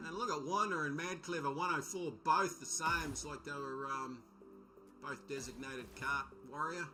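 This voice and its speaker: High-voiced chatty male esports caster. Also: normal speed, over music. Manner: chatty, rambling, with loud excited bursts. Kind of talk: live esports commentary.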